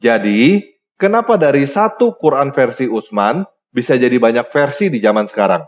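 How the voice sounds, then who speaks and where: A man reads a prepared script in a steady, formal tone. The sound is muffled and lo-fi, like audio replayed from a video. His delivery stays level and measured. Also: medium pitch. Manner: even, formal reading. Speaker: narrator of a played video. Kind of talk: scripted narration.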